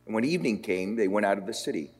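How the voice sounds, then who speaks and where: Expressive preacher man in a reverberant chapel. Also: on the low side, slightly rough. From Puerto Rico. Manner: expressive preacher, shifts between slow emphatic and quick phrases. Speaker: pastor. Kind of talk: sermon with scripture reading. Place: seminary chapel. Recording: long hall reverb.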